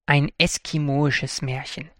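A storyteller reading a fairy tale aloud in a calm, measured way. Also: mid-range voice, no echo, studio quality.

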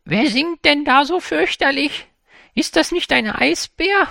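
A narrator putting on a frail old grandmother from a storybook, frightened and shrill. Her voice jumps up high and hurried, with a gravelly grain under it. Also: lively intonation, pushed and bright, dry recording, studio quality, exaggerated voice. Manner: shrill, anxious.

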